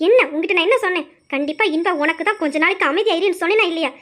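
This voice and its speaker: A woman's voice: very high-pitched, rapid-fire, fairly bright tone. A woman voicing a scheming middle-aged mother who coaxes her son in an amateur audio drama. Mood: coaxing. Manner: coaxing, conspiratorial.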